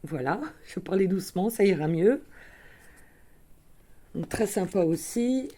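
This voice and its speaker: Chatty and full of fillers and little self-corrections, a woman casually presents her craft haul to viewers. She speaks at a measured pace in an animated, warm, medium-pitched voice.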